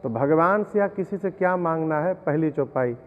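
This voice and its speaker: A man giving a devotional discourse, explaining verses everyday examples and chanting lines slowly. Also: fairly high pitch, expressive, a little hiss or hum. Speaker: religious storyteller. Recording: tinny, narrow-band audio in a long-reverb hall.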